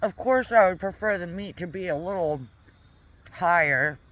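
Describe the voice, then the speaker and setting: A woman vlogging casually in a quiet park, chatting in a rambling way while she eats. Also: fairly low pitch, normal speed. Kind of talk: casual vlog chat. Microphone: camera mic.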